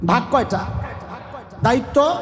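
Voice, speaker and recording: A man preaching a sermon, shouting and quizzing the crowd for call-and-response answers. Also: very high voice, animated, a little slow. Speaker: Islamic preacher. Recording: echoey hall reverb.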